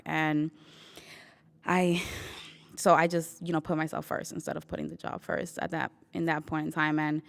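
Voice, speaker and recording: A young woman from New York tells a personal story in a relaxed, chatty way. Her voice sits low and sounds clear and smooth. She often acts out what she said and breaks into laughter. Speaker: interviewee sharing her story.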